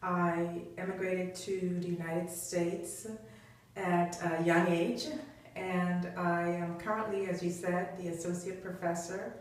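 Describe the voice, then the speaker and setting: A middle-aged business professor from Trinidad and Tobago speaks as a guest in a conversational interview, thoughtful and full of fillers. Her voice is fairly low, with little pitch movement and a slow pace, captured by a distant mic in an echoey room.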